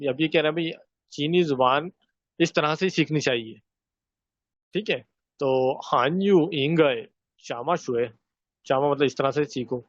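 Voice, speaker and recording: A man teaching a recorded Chinese lesson, explaining sentences step by step and repeating Chinese phrases slowly. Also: mid-range voice, no echo. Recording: dull, dry lo-fi recording.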